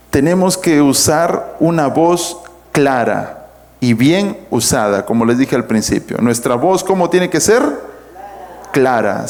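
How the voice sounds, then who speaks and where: A man's voice: mid-range voice, darkish tone, a little hiss or hum. A man with a Peruvian Spanish accent preaching a sermon to a congregation, emphatic and swinging his voice up and down as he calls out to the room. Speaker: pastor teaching preaching. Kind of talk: sermon teaching.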